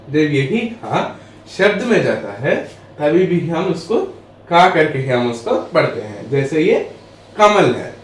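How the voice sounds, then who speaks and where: A man teaching a lesson who asks questions and answers them himself, repeating his phrases. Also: on the high side. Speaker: English teacher. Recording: echoey room, far from mic, faint noise.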